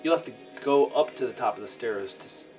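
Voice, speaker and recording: A man runs a tabletop game as its game master. His medium-pitched voice moves up and down a lot as he narrates and gives rulings, with music in the background. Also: animated, a little fast.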